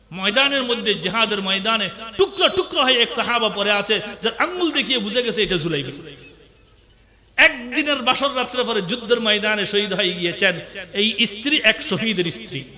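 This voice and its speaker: A man from Bangladesh preaching an Islamic sermon, telling a story with animated bursts of laughter and shouting. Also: sits high, moderate pace, big-room sound, crowd noise.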